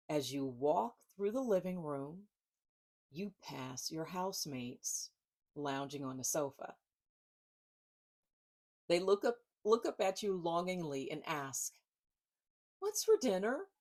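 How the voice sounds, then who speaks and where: A woman author with a deep, darkish voice talks informally and reads expressively from her own book. Her phrasing is deliberate and emphatic, broken up by pauses.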